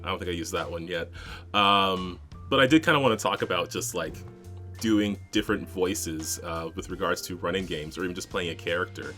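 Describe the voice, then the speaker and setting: A man's voice: deep voice, fairly quick, bright, forceful tone, faint music behind. A man co-hosting a podcast, chatting casually about running tabletop games, rambling with lots of fillers and frequent laughs. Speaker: podcast co-host and game master. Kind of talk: casual chat.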